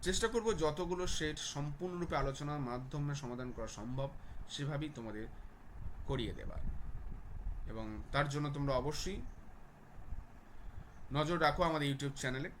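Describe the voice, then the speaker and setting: A man's voice: fairly high pitch, normal speed, pauses often, slight background noise. A man teaching a class, walking students through exam answers and often checking that they follow.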